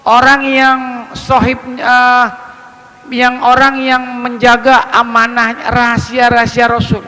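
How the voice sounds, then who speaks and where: A man preaching a lively, humorous sermon, joking with and questioning his congregation. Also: very high-pitched, slow pace, big-room sound, rough recording.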